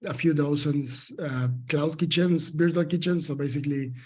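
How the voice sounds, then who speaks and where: A man's voice: fairly high pitch, normal speed, darkish tone, husky. A man from Argentina with an Argentine Spanish accent, a company founder answering interview questions thoughtfully, with many fillers and restarts.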